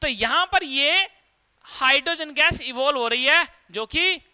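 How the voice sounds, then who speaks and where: Bright, high-voiced male chemistry teacher. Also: expressive, measured pace. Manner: asks students questions and repeats the answer; calls the listener "beta" as a teacher does. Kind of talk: classroom lesson explaining lab activities.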